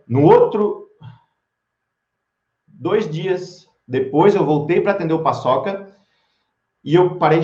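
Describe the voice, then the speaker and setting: Chatty man telling a story, roomy sound. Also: medium pitch. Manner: chatty, animated storytelling with restarts. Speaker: veterinarian teaching business skills. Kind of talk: casual storytelling lesson. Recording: roomy lo-fi recording.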